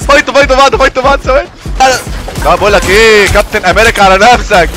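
A young man with an Egyptian accent giving excitable live gameplay commentary as a gaming host, shouting at the screen. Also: high-pitched, very fast. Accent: Egyptian Arabic. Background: game music.

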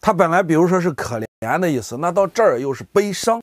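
A fast-talking man with a somewhat high voice breaks down dialect words for his audience in a relaxed talk to camera, acting out everyday examples with animated character voices. The recording is dry and studio quality.

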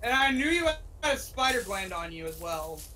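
A young adult woman chatting casually while playing a co-op game, excitable one moment and apologetic the next. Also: mid-range voice, a little hiss or hum, rough recording. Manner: excitable and apologetic, quick bursts. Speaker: co-op game player. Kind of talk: casual gaming chat.

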